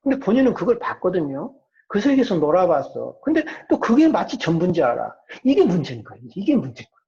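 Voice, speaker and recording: On a dull, muffled lo-fi lecture recording, a male psychology professor speaks informally and fast. His high-pitched voice is gravelly and warm with big pitch swings, and he keeps posing rhetorical questions and answering them himself.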